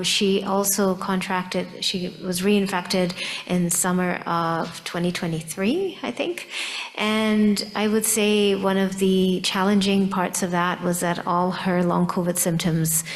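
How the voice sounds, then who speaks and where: A woman speaking as a parent on a panel, in a deliberate, emphatic way. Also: medium pitch. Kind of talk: panel remarks.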